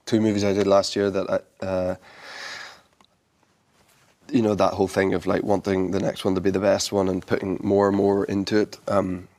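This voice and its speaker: A Northern Irish man speaking in a fairly low voice as an interview guest. He answers thoughtfully and a little haltingly, often stumbling over his first words and starting again. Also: warm tone. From Northern Ireland. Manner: thoughtful, hesitant, repeats words as he restarts. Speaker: actor guest. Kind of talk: interview conversation.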